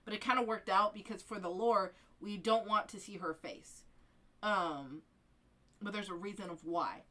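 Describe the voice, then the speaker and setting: Young woman, live-stream host, bubbly, giggly, rambling, mid-pitched voice. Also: normal speed, sharp tone. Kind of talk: casual live-stream chat.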